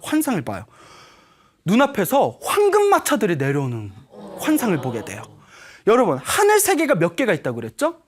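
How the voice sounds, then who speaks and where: A man's voice: sits high, fairly quick. A man, a Buddhist monk, telling a story in a Dharma talk to an audience, acting out the voices of its people with humor and often checking in with the listeners. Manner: storytelling with acted quotes, frequent "예?" to the audience; lively, humorous, sudden loud and soft turns.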